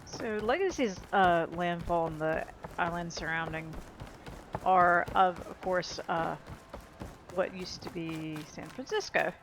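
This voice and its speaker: Slow and lowish, this woman's voice carries a faint hiss or hum along with game music in the background. She hosts a gaming video, offering casual, rambling walkthrough commentary while thinking aloud.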